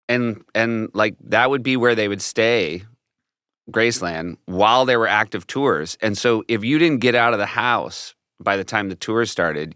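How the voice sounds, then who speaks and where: A man's voice: on the low side, fairly bright tone, dry recording, clean studio sound. A man hosting a casual, conversational interview in a wry, joking manner. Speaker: interview host.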